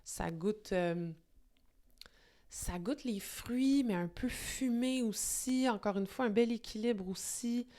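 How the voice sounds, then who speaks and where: A woman's voice: a little high, slow pace, warm tone. A young woman with a Québécois French accent, hosting a casual wine review to camera, enthusiastic and chatty with many fillers and restarts. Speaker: wine show host.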